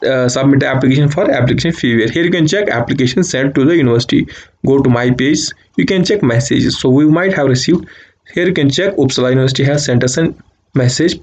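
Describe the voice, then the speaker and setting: A man's voice: medium pitch, darkish tone. Man narrating a screen walkthrough. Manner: step-by-step instructional, repeats "just click on this". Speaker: channel host. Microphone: voice-over over screen capture.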